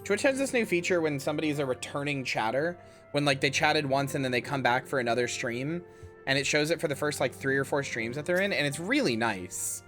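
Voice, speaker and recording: Man, game streamer, casual live commentary, chatty, very varied intonation, soft background music. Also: fairly high pitch, fairly quick. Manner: chatty, expressive, talks to viewers.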